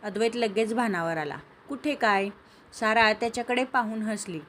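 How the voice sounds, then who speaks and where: A woman reading a scripted romance story aloud in a steady, even way. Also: a little high, fairly quick, a little hiss or hum. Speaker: narrator.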